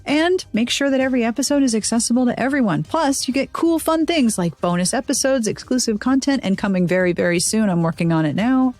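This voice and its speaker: An American woman from the United States hosts a podcast, reading sponsor spots and chatting with a guest in a bubbly, playful manner. Her voice sits in the mid range with a slightly dark tone, and the talk mixes casual podcast banter with ad reads.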